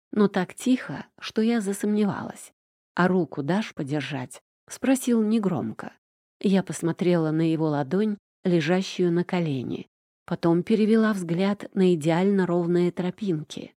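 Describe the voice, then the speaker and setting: A woman narrating a first-person audiobook in an even, measured storytelling manner. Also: on the low side, no room sound, clean studio sound.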